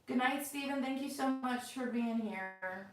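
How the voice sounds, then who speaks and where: A woman's voice: high voice, measured pace, slight background noise. A middle-aged woman chatting casually and unscripted to viewers as the host of a livestream from home. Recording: very echoey room, far from mic.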